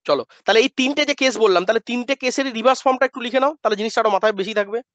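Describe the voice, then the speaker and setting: A male math teacher giving a classroom lecture, asking questions and answering them himself as if he were a student, and drilling pronunciation slowly. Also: very high-pitched, a bit bright, dry recording. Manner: asks and answers his own questions in students' voice. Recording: dull lo-fi dry sound.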